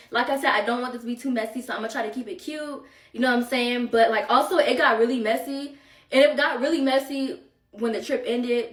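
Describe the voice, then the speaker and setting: A woman's voice: on the high side, fairly bright tone, distant mic. A young woman telling a trip story in casual, slangy storytime chat into her phone. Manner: chatty, slangy, lots of "like". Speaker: storytime vlogger. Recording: echoey room, voice set off from the phone mic.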